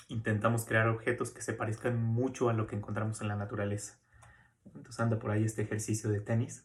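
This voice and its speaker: A man talks through a recorded course lecture, his voice sitting on the low side. He explains in a loose, conversational way, dropping in small tag questions and fillers as he goes. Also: a little mellow. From Mexico. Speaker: university lecturer.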